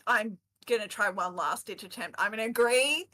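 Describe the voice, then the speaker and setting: A woman's voice: fairly high pitch, moderate pace, sharp tone. Giggly woman player. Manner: chatty, giggly, hesitant. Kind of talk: casual tabletop game play.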